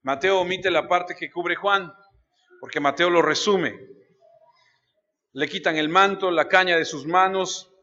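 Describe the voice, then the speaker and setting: Man preaching a bible study, high voice, reads scripture then talks right at the congregation, dull lo-fi recording w long church echo. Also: measured pace, creaky, pauses often, sharp tone. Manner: reads scripture aloud, then addresses listeners directly. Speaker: pastor. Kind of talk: expository Bible study sermon.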